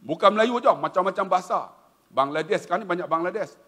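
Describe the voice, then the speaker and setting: A middle-aged man with a Malaysian accent giving an animated, humorous religious talk. He keeps addressing the audience directly. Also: high-pitched, fast. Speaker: religious lecturer. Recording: long hall reverb.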